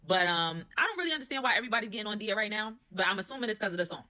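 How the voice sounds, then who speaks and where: Brief: young woman, quick and bright, gossipy reality-show recapper, slangy, opinionated. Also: medium pitch, lively intonation.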